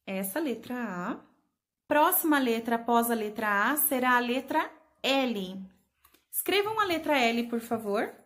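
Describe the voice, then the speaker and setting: Slow, patient woman teaching small children. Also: a little high, expressive, fairly bright tone. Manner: patient, spells out letters and syllables. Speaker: preschool teacher. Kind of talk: slow remote lesson for young children.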